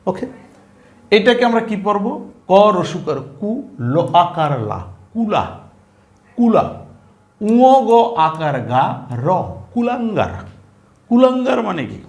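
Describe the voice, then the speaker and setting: A man teaches a spelling lesson, sounding out each letter slowly. His voice sits high and rises and falls a great deal. He puts questions to the class and answers them himself. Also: very animated, creaky.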